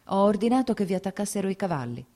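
A jealous, impulsive young husband in a classic novel audiobook, curt and quick to flare, read by a woman. The delivery stays low and dark, with only a slight lift for his lines. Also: lively intonation.

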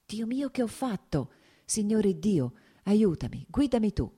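A woman's voice: lowish voice, animated, a little slow, dark tone. A woman voicing Lievin, an earnest, anxious young man, in an audiobook reading, speaking in short, impulsive bursts. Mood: pleading.

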